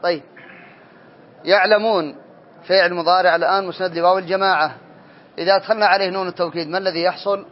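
A man's voice: high voice, steady tone, fast, long pauses. A man teaching a classroom grammar lesson, drilling students, calling on them by name and correcting their answers. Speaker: teacher of Arabic morphology. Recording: dull lo-fi classroom recording.

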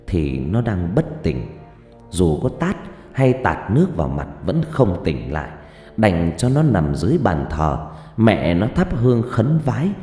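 A man narrating a ghost story, slow and dramatic, hushed on suspense, with roomy reverb and faint music. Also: sits low.

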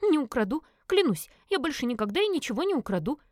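Brief: woman doing a flustered young woman thief, high and squeaky, dry close sound. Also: very animated, fast, a little mellow, dry recording. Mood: pleading. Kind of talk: audiobook character voicing.

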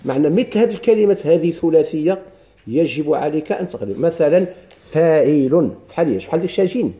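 Moroccan male teacher, slightly high but very mellow, dark voice, walks students through grammar and quizzes them as he goes. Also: expressive, fast talker. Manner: explains step by step, quizzing students with questions. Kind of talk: classical grammar lesson.

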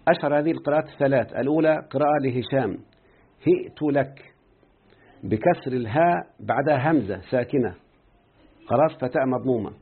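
The speaker is a grammar teacher with an Egyptian Arabic accent who constantly quizzes his student and slowly repeats words. His voice sits at a medium pitch with some breathiness, and the audio is tinny, like a phone.

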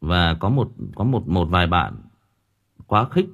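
A man's voice: sits low, expressive, a little slow. Guy rambling to his listeners, lots of uhs and repeats, voice jumps all over. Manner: rambling, with frequent hesitations and repeated words. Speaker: audiobook reader chatting with listeners on a livestream. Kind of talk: casual livestream chat.

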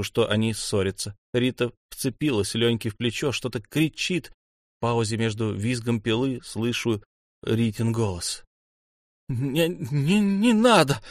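A man's voice: medium pitch, no room sound. A man narrating a novel in the first person, tense and urgent, close to the mic. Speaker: audiobook narrator.

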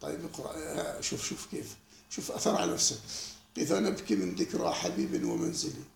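A man's voice: medium pitch, wildly swooping pitch, fast, vocal fry, echoey room, slight background noise. A man teaching a classical text, lecturing with rhetorical questions and laughing asides. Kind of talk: spontaneous lecture commentary.

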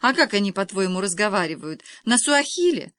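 A woman's voice: mid-range voice, very animated, brisk, fairly bright tone, dry recording. A woman reading a sardonic young woman. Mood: mocking. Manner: mocking, exasperated. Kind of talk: audiobook reading.

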